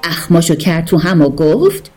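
A woman narrating a children's story in an expressive, lively storytelling way. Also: sits low, soft background music.

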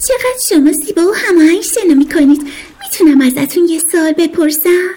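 A woman voicing an eager, childlike winged creature who loves taking photos, talking in a bubbly, fast, pleading way. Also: very high voice, dark tone, voice pushed up.

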